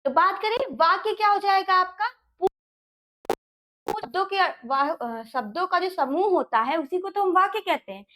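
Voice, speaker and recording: A woman with a very high voice leads an exam-prep lesson. She explains each answer step by step, poses questions to the class and answers them herself, with frequent "okay" checks. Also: expressive, measured pace, sharp tone. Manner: keeps asking rhetorical questions and answering them, "ठीक है" fillers. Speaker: teacher.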